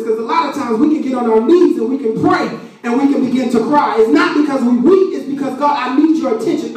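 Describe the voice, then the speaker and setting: A woman preaching a sermon in a church, her voice swelling into shouted, sing-song passages, recorded on a phone from across the room. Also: on the high side. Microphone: phone camera from across the room. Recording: echoey church hall from far off.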